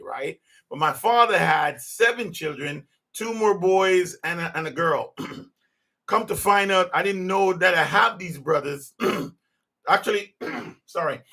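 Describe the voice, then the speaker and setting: Earnest man in his fifties, high and bright, unscripted podcast host who restarts his sentences a lot. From Jamaica. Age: 50s. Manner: earnest, rambling with many restarts. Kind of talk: unscripted personal monologue.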